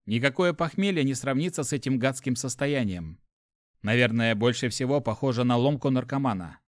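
A man's voice: medium pitch, brisk, dry recording. Male audiobook narrator, dry close sound. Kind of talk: first-person audiobook narration.

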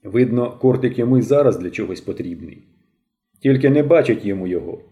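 A man's voice: mid-range voice, expressive, quick pace, dull audio, natural voice. A man reading a jovial, teasing, plain-spoken seasoned soldier in an audiobook. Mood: sober. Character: cheerful seasoned soldier, grown man, easygoing. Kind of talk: audiobook character voice.

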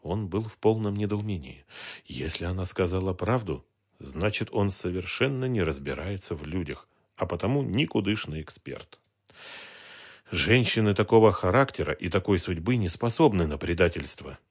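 A man reading an audiobook, narrating a tense scene in a measured, dramatic way. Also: low voice, lively intonation, husky. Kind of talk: scripted narration.

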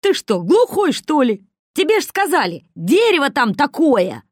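A woman voicing a crude, hot-tempered, dim-witted male crook who shouts in exasperated slang. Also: high voice, wildly swooping pitch, takes it slowly, no room sound, clean studio sound, voice pushed up, full character voice. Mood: irritated.

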